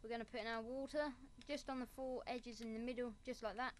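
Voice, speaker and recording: A woman with a fairly high, steady voice talks briskly over a little hiss or hum. She delivers a casual Minecraft build tutorial, rambling and throwing in self-mocking remarks.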